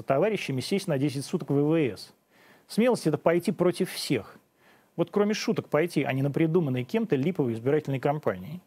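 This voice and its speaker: A man's voice: on the high side, dark tone, slightly rough. A man in his forties hosting, delivering a sarcastic opinion monologue and then questioning a guest pointedly. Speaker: host.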